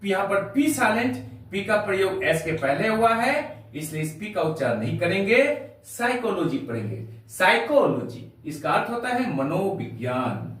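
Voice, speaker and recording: A man's voice: high-pitched, big pitch swings, moderate pace, a bit bright. A man teaching a spoken English lesson, spelling out words letter by letter and addressing viewers as dear children. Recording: echoey room, voice from far off the mic.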